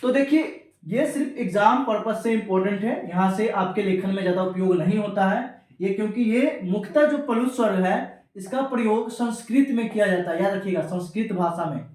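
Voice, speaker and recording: A man teaching an exam-prep grammar lesson, repeating key terms slowly and calling his students children. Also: sits high, a little mellow. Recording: very echoey room, distant from mic.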